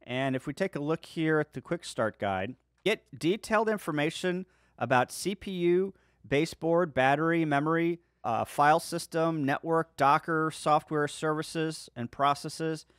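A man hosting his own channel, talking viewers step by step through a software setup in a relaxed, casual way. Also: fairly high pitch, a little slow, smooth, no echo, clean studio sound. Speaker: ham radio video host. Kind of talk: screen-share software tutorial.

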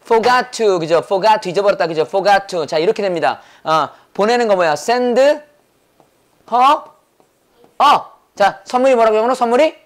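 A man teaching English grammar in a brisk lecture, drilling points over and over and firing rhetorical questions at his students. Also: sits high, animated. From South Korea. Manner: quizzing with rapid rhetorical questions. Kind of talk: classroom lecture.

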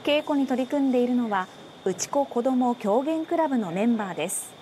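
Higher-pitched woman reading the news. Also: animated, brisk, warm tone, a little hiss or hum. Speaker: news announcer. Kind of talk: scripted news narration.

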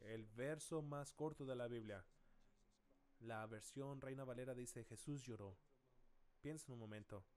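A man pastor preaching a sermon in a church, dramatic, dropping soft and slow then rising to loud calls. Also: medium pitch.

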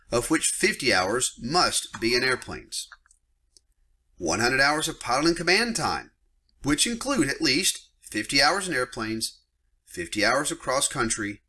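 A man's voice: mid-range voice, sharp tone. A middle-aged man teaching a lesson on pilot regulations, blunt and emphatic, getting worked up and tossing casual asides to his viewers. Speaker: flight instructor. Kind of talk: screen-share lesson on aviation regulations.

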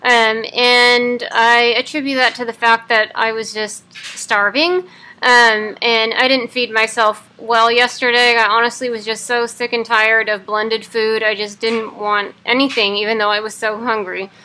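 A woman's voice: a little high, level tone, measured pace, pushed and bright, low-quality recording. A woman in her thirties giving a casual personal video update, speaking through teeth clenched by a wired-shut jaw. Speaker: vlogger. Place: living room at home.

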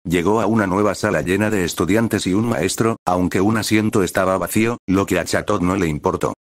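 A man narrating a fan fiction story in a steady storytelling manner. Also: sits low, brisk, no echo, clean studio sound.

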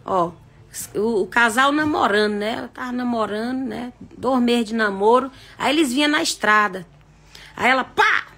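A woman with a high voice hosts a casual live stream. She talks frankly, with jokes and asides, and speeds up or drags her words for emphasis. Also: normal speed, fairly bright tone. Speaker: psychic live-stream host.

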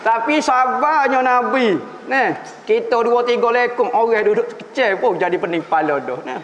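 A Malaysian man, telling a religious story as a preacher, his pitch swinging between high and low as he acts out the story. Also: normal speed, a bit bright, dull audio, a little hiss or hum. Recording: echoey hall, faint room ambience.

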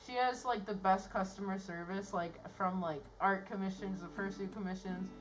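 A woman's voice: mid-range voice, fairly even intonation, moderate pace. A laid-back, giggly woman answering interview questions casually while muffled inside a costume head. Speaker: interviewee, fursuiter. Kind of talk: casual chat. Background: music.

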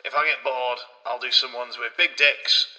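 A man's voice: medium pitch, fairly even intonation, moderate pace, bright, forceful tone, poor audio. A man voicing a coarse, boastful male Renaissance sculptor, rambling crudely.

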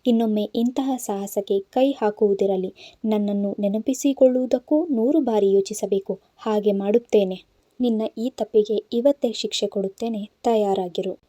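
A woman voicing an arrogant, short-tempered young male boss who shouts sarcastic threats. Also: medium pitch, moderate pace, no room sound, studio quality, close to an everyday voice. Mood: furious.

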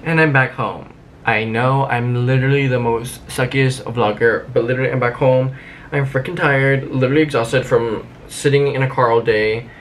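In this casual street vlog, a young man strolls outdoors with a handheld camera, music playing as he rambles, curses and mocks himself. His mid-range voice holds a steady tone at normal speed, with a little hiss or hum in the audio.

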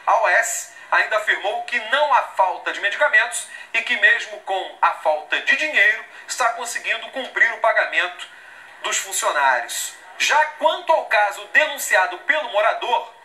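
A man in his forties with a Brazilian Portuguese accent anchors the news in a television studio, reading out a statement while adding sarcastic, emphatic commentary. His high, sharp voice is animated at a moderate pace in roomy sound, and he comes across as indignant, gesturing as he speaks.

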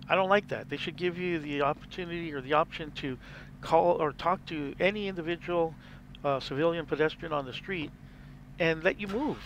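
Gravelly man narrating his gameplay. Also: fairly high pitch, slight background noise. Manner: relaxed, rambling, explains as he plays. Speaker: gameplay video host. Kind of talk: casual game commentary.

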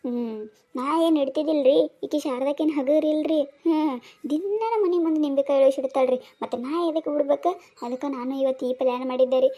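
A woman's voice: high voice, steady tone, fairly quick, warm tone, natural voice. A woman voicing a scheming village woman with a North Karnataka accent who gloats to the listener about her plan in a cartoon comedy. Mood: sly. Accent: North Karnataka Kannada. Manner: sly, gloating, confiding.

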